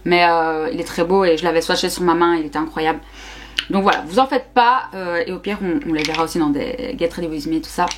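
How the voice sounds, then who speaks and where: A woman's voice: fairly low pitch, brisk, background noise. Young woman, beauty vlog, casual, hesitant fillers, enthusiastic repeats. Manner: chatty, many fillers and repeats. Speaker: beauty vlogger. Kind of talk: casual makeup review.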